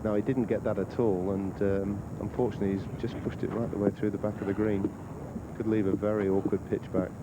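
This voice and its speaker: Halting, even-toned male golf commentator. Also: on the low side. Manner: hesitant, thoughtful, halting with many ums. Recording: clear outdoor background noise. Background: outdoor golf course ambience.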